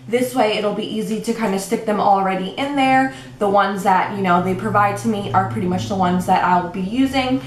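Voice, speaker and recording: A young woman vlogging at home, chatty and a little out of breath as she explains things step by step. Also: medium pitch. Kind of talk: casual show-and-tell vlog. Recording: echoey room with faint background noise.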